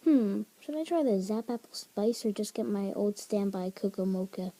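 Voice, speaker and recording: A woman's voice: mid-range voice, lively intonation, normal speed, warm tone. A woman reading as an awkward pony socialite. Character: chatty young female pony socialite.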